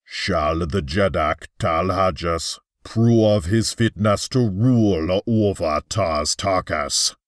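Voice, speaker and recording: A man's voice: low voice, slow pace, few pauses, no room sound, studio quality. A man voicing a stern old alien chieftain who speaks in a cold, hard way.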